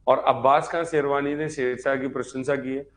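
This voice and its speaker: A man with a medium-pitched, steady voice and moderate pace teaches history exam prep in a live online class. He repeats material, quizzes his students and keeps up casual chatter with them.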